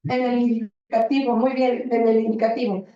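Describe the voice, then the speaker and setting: A woman with a warm, slightly high voice teaches a Spanish grammar lesson at a moderate pace and level tone. She quizzes her students and encourages them, recorded lo-fi and from afar in an echoey room.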